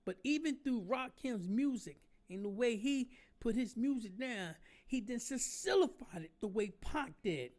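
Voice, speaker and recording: A man in his forties giving a heated, streetwise monologue to fans. He ends phrases with "man" and "understand?" and swings from low murmurs to loud, preachy outbursts. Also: lively intonation, measured pace, few pauses. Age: 40s.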